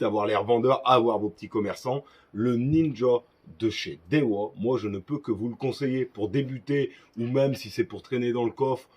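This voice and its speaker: A man's voice: medium pitch, a little mellow, breathy edge. A young man talking casually in a gear-advice vlog, chatty and joking with crude asides. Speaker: fishing vlogger.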